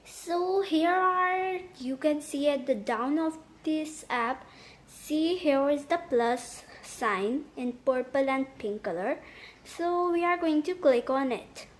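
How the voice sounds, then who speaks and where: A woman hosts a step-by-step tutorial in a high voice. She goes slowly, with halting phrasing that often repeats itself as she explains each step. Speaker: tutorial host. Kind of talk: step-by-step app tutorial narration.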